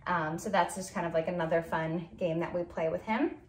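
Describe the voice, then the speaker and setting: A woman's voice: on the low side, fairly even intonation, brisk, slight background noise. Chatty young woman filmed from across a room. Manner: chatty, with many ums and likes. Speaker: parenting vlogger. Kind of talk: casual product review and demo. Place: living room, indoors. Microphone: far camera. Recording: roomy sound from a distant camera mic.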